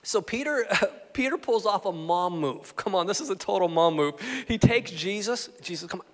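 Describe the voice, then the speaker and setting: A man preaches a lively, conversational sermon with a notably high voice, tossing questions and asides to his congregation. His voice rings out with a long reverb in a church sanctuary. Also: moderate pace. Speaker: pastor.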